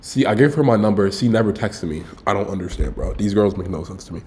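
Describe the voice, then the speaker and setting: A man in his twenties, early twenties specifically, rambles through a story for his stream viewers, slangy and laid-back, often correcting himself and dropping "bro" along the way. His voice is on the low side and darkish, expressive and quick.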